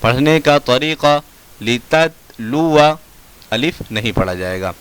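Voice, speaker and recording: A man teaching Quranic spelling in a slow classroom lesson, drawing out each recited word in a chant and then explaining quickly in a lower voice. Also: fairly bright tone. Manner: drawn-out chanted recitation of words between quick low explanations.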